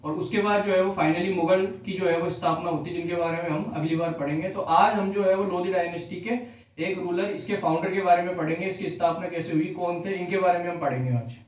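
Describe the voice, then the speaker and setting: A high-pitched man teaches a history lesson for exam prep, turning each key fact into a question and then answering it. He mixes English terms into his Hindi. He sits far from the mic in a very echoey room.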